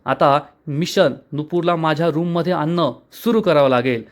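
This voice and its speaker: A man's voice: fairly high pitch, moderate pace, lightly acted. A man voicing a playful, lovestruck young husband who teases his wife with pet names, in a serial episode recap. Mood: scheming. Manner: teasing, cajoling.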